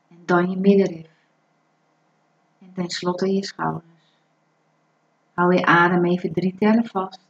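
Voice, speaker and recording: A woman leads a guided breathing meditation with slow, unhurried phrasing. Her manner is calm and instructive, and the recording sounds dull and lo-fi. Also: lowish voice.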